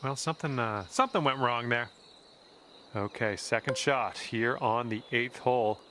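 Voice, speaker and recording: A man's voice: mid-range voice, normal speed, pushed and bright, a little hiss or hum, lightly acted. A man playing an upbeat, easygoing golf commentator in a video game, calling shots conversationally with exclamations. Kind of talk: sports commentary.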